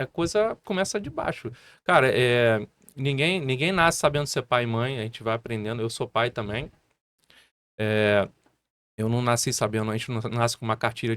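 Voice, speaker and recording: A man in his thirties with a Brazilian Portuguese accent, a martial arts instructor talking as a podcast guest and telling animated stories full of fillers. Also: medium pitch, no room sound. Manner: animated storytelling with many fillers. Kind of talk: casual podcast conversation.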